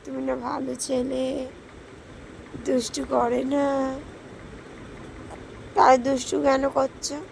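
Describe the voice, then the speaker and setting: Hoarse high-voiced mom with a cough, slow sing-song baby talk, playful scolding. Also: female voice, little pitch movement, a little mellow, slight background noise. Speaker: mother talking to her baby son.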